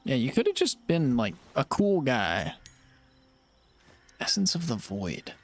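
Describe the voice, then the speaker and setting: A young man chatting through his gameplay in a goofy, joking way, his pitch swooping up and down as he reacts. Faint game music plays under his voice. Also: huge pitch swings, slow pace. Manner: playful, jokey, talks to creatures in game. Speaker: streamer. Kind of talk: casual gameplay commentary.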